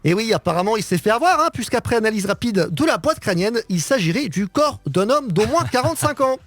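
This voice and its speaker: Lively, high-voiced man doing a comic radio segment. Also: brisk, no echo. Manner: playful, jokey, peppers talk with "hein". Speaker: radio columnist. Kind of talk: comic news chronicle on radio. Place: radio studio.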